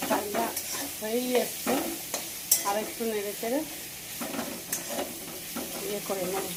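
Heavy background noise surrounds this mid-range, fairly evenly intoned voice as a woman takes her time speaking. She's a family vlogger from Bengal, a bit ill with a cold, chatting with her viewers while she cooks and walks around at home.

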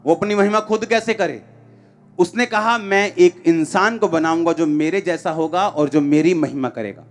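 A man, his voice sitting notably high. He keeps putting rhetorical questions to the crowd in a big outdoor tent. He speaks into a handheld microphone, with faint music underneath. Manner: emphatic preaching with frequent rhetorical questions to the crowd. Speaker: pastor. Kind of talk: sermon. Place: large decorated outdoor tent before a crowd.

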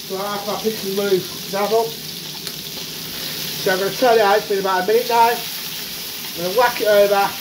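His voice is high-pitched and flat, a little fast, with frequent pauses. He hosts a casual home cooking show, chatting at the stove, repeatedly calling viewers "guys" in working class speech, against the noise of frying and sizzling in his home kitchen.

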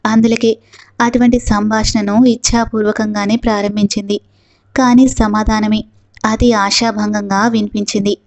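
Woman narrating a novel, flat and steady. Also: mid-range voice, moderate pace, gravelly. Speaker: audiobook narrator.

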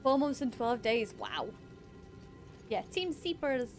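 Woman gamer, high voice, chatty live-stream host, game music underneath. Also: expressive, slow pace. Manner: chatty, thanks viewers, shrieks when scared. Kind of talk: live gameplay chat.

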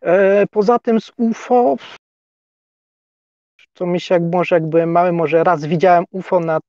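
A man's voice: high-pitched, steady tone, a little slow, a little mellow, no echo. A man from Poland chatting as an interview guest over a video call, hesitant, often repeating words and chuckling. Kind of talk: casual conversation. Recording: dull, muffled sound.

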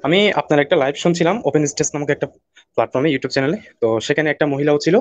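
A man's voice: on the high side, steady tone, very fast, no room sound, highs cut off. A man calling in to a live stream and asking a question, his call breaking up and cutting out. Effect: call breaking up and dropping out.

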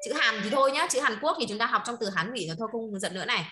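Teaching Chinese in an online class over video call, this northern Vietnamese woman speaks a little high, expressive and sharp, at a racing pace. She laughs readily and keeps checking in with quick tag questions.

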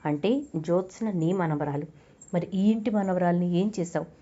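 A furious elderly grandfather confronts and accuses with a raised voice, as a woman narrator puts him on. The tone is dark and mellow rather than sharp. The recording sounds dull and lo-fi. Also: lowish voice, moderate pace, close to an everyday voice. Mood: angry accusing. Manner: accusing, raising voice.

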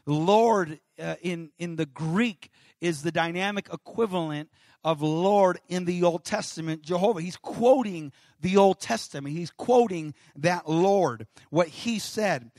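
Male pastor, sermon delivery, emphatic slow stresses, dry sound. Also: high voice, darkish tone, dry recording. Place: church.

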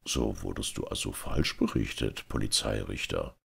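Man reading a deep, stern caliph. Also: vocal fry, fairly bright tone, slightly rough, full character voice. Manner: low, measured and stern. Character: stern, just male caliph, grave authority.

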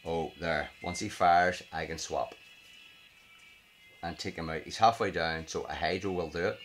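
A man's voice: low voice, fairly even intonation, normal speed, a bit bright, faint music behind. A man with a Northern Irish accent giving live commentary on a mobile game, exasperated, muttering and swearing at the screen. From Northern Ireland. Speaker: gaming vlogger. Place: home at night.

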